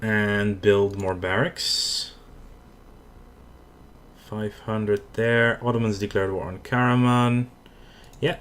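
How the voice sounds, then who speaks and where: Over the clicking of a keyboard, a Dutch-accented man narrates his strategy gameplay for his gaming channel in a somewhat low voice. The let's play commentary is casual and unscripted, full of thinking aloud and sentences he starts over.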